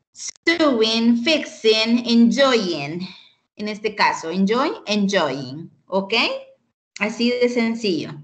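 Slow, patient woman teacher. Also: mid-range voice. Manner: slow, patient explaining with frequent "¿ok?" checks. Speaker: English teacher. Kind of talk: online English lesson taught in Spanish. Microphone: computer mic on a video call.

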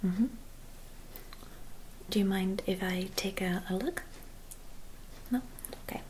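A woman in her twenties doing an ASMR role-play as a spa attendant, speaking softly and gently in an attentive, soft-spoken voice. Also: mid-range voice, fairly even intonation, slow, a little hiss or hum, low-quality recording. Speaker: ASMR performer playing a spa clinic receptionist and therapist. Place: small dim room at home.

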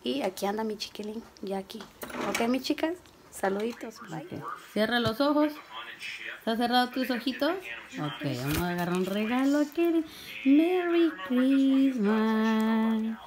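A slightly hoarse woman talking in a chatty, affectionate way in a casual home vlog, coaxing and cheering on her child. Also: fairly high pitch, expressive, normal speed, crowd noise. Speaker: vlogger.

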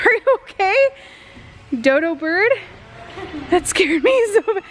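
A woman's voice: very high-pitched, animated, takes it slowly. A woman chatting casually and teasingly, giggly as she talks from behind a camera. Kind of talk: casual chat. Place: large indoor skatepark.

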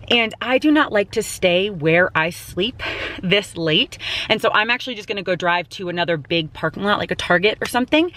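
A woman's voice: medium pitch, a bit bright. A young woman vlogging to a dashboard camera inside her parked car, chatting and rambling as she explains each step. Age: young adult. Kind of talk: casual vlog talk to camera.

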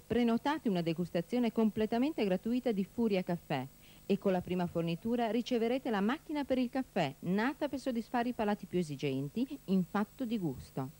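A woman's voice: mid-range voice, mellow. A woman reading a scripted telesales voice-over, presenting in a persuasive, emphatic way with rhetorical questions. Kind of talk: scripted infomercial voice-over narration.

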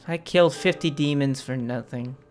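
A woman doing let's play commentary on a horror game, swearing and shouting at enemies and coaxing her dog companion. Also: rumbling low, moderate pace, faint music behind. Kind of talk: gameplay commentary.

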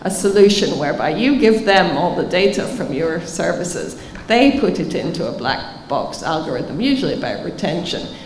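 A woman's voice: lowish voice, sing-song, moderate pace, few pauses, slight background noise. Woman, 50s, panel speaker, emphatic and explanatory; table mic, echoey conference hall. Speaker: keynote speaker answering questions. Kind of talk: conference Q&A answers. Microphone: table microphone. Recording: reverberant hall, faint ambience.

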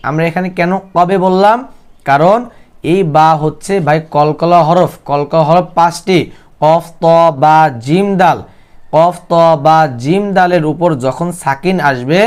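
A Bengali-speaking man teaching Quran reading, spelling each letter and vowel aloud, then chanting the verses slowly for learners to repeat. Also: a little high, darkish tone, smooth. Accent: Bangladeshi Bengali. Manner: slow drawn-out chanting of Arabic verses, then brisk spoken explanations.

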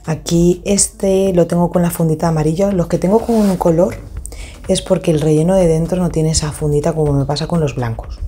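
A home cleaning vlogger narrates a clean-with-me video in casual voice-over, chatty and detailed with frequent restarts and fillers. Her low, mellow, husky voice is steady in tone and brisk, with soft music in the background.

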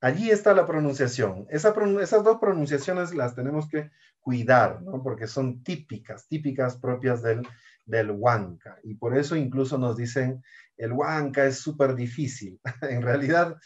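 A man giving a language lesson, slowly drilling words and syllables one by one. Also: medium pitch. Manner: slow, careful syllable-by-syllable pronunciation drills. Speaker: teacher. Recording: dull lo-fi recording.

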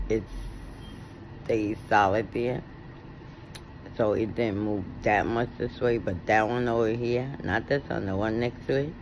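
A middle-aged American man chatting casually to a phone camera with halting, toothless speech. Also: lowish voice, slight background noise, rough recording. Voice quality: toothless, soft-edged articulation. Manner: halting, with long pauses. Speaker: video blogger. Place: indoors at home, reclining. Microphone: phone at arm's length.

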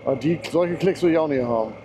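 A motorcycle vlogger narrates a mountain-road ride for his viewers through a helmet mic, chatty and quick to get excited. His voice is mellow, a little high and slightly raised, and he talks at a quick pace. Engine and wind hum faintly beneath him.

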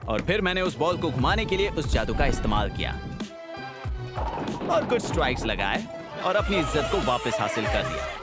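A man's voice: medium pitch, big pitch swings, moderate pace, over loud music. A man giving upbeat, scripted narration that explains step by step how an engineering project works. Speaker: engineer vlogger.

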